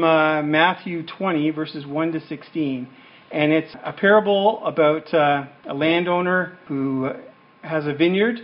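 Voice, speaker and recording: A man, giving an informal, conversational Bible lecture and explaining as he goes. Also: a little high. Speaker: Bible teacher. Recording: echoey room, dull lo-fi sound.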